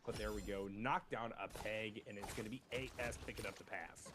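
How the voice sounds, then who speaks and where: A man giving analytical esports commentary in a measured way, explaining the tactics behind each fight. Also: on the low side, steady tone, a crowd in the background.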